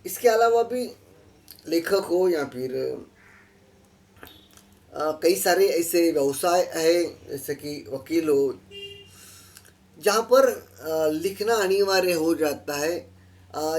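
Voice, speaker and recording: A male teacher explaining a lesson over slides, patient, repeating key phrases and pausing with fillers. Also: a little high, darkish tone.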